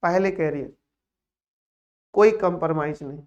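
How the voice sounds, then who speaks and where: Male math teacher, slow and playful, lo-fi sound. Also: a little high, a little mellow. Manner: playful, teasing asides between calculations. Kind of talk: classroom lecture.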